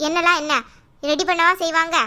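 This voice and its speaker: A woman's voice: very high-pitched, little pitch movement, fairly quick, pushed and bright. A woman voicing a young cartoon sister-in-law who sulks and complains tearfully. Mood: sulky. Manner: whiny, complaining. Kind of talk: cartoon voice acting.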